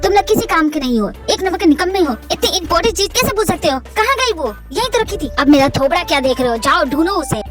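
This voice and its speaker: A woman's voice: extremely high pitch, big pitch swings, fast talker, hardly any pauses. A woman voicing a bossy, flirtatious billionaire husband in an amateur fan dub, sounding commanding and smug. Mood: angry, scolding. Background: background music.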